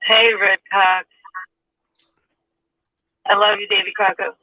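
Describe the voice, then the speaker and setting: Man with a thin, tinny, bassless voice. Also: flat delivery, slow, no room sound. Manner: blunt, casual, swears freely. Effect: thin tinny voice with no bass, like a tin can. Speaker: panelist on a live stream call. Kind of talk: casual group chat. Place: sitting inside a vehicle. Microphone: phone or call audio. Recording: tinny phone-like call line.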